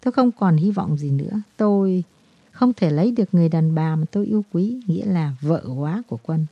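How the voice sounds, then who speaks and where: Storybook figure: broken, guilt-ridden man, halting confessions, read by a woman in a dry, dull take. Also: lowish voice, lively intonation, breathy edge, dry recording. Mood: despairing.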